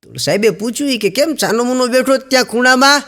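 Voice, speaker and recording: Male stand-up comic, high voice, spins jokes as stories, hall reverb. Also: expressive, quick pace, fairly bright tone. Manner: storytelling, acting out quoted characters with raised pitch. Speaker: stand-up comedian. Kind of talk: Gujarati joke telling to an audience.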